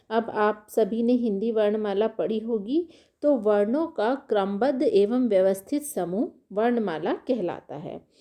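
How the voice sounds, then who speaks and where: A woman's voice: mid-range voice, mellow. A woman teaching a Hindi grammar lesson over a screen recording, explaining patiently and reading letters out one by one.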